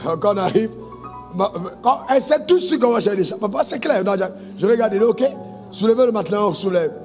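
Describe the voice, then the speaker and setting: A man's voice: high-pitched, animated, fast talker, darkish tone. A man from Côte d'Ivoire preaching a sermon as a pastor, emphatic, telling stories and calling on the congregation for amens. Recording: long reverb with faint music.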